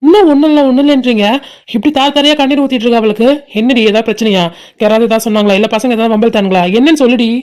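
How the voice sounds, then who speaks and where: A woman voicing a caring but bossy young college boy in a cartoon, pushing rapidly and teasing his friends. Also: a little high, darkish tone, lightly acted. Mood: insistent. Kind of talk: cartoon voice acting.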